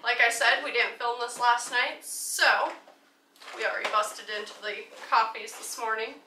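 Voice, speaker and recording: A woman in her thirties with a slightly high voice and moderate pace goes over her groceries one by one in a relaxed home vlog, often laughing. She's a mother filming in her dining room, and the far-off camera mic across the table makes it roomy and noisy.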